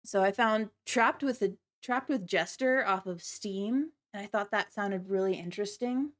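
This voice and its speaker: A woman's voice: medium pitch, moderate pace, fairly bright tone. A woman livestreamer chatting casually to viewers, with a giggly, apologetic and slightly nervous manner. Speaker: livestreamer, virtual avatar host.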